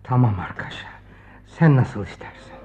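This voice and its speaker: An actor playing an anxious, guilt-ridden young clerk in a radio play, stammering and pleading. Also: male voice, mid-range voice, expressive, normal speed, darkish tone, lightly acted. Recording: thin phone-like old radio recording.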